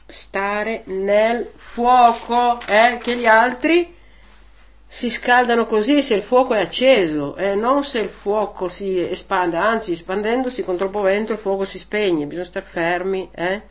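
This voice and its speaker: A woman's voice: medium pitch, normal speed, few pauses. A woman giving informal religious teaching, conversational, with frequent rhetorical "eh?" tags and hesitant restarts. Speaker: catechist.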